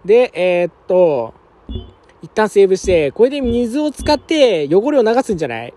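A young man doing casual let's-play commentary at home, talking roughly to himself and his viewers with quick chuckles. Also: high-pitched, very animated, dark tone. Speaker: game streamer. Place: apartment room at night, keeping his voice down.

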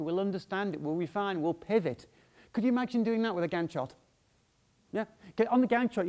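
A man's voice: high-pitched, darkish tone. A man on stage in a large hall giving a conference talk, chatty and informal, often checking in with the audience with "yeah?". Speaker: conference speaker.

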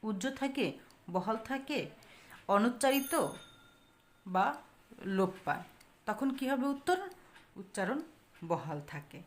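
An animated woman with a medium pitch leads a pronunciation-focused grammar lesson. She works through example words slowly and repeatedly, supplying answers to her own questions.

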